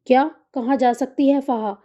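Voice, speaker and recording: Woman doing a cold revenge-minded young guy in a story reading, threatening, soft dark tone, kinda higher voice. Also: fairly even intonation, natural voice. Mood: worried. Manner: menacing, clipped threats. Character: brooding vengeful young man, cold and threatening.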